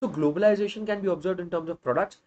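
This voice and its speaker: A man's voice: high-pitched, quick pace, mellow, dull audio. A man in his thirties with a North Indian accent, giving an emphatic live revision lecture to students as an online teacher. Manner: emphatic, interjects Hindi phrases. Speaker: online social science teacher.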